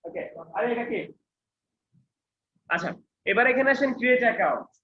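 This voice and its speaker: Quick, high-voiced man teaching. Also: lively intonation, muffled recording. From Bangladesh. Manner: explains step by step, checking with the student often. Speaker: computer trainer. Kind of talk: classroom instruction. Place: training center classroom. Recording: echoey room with faint background noise.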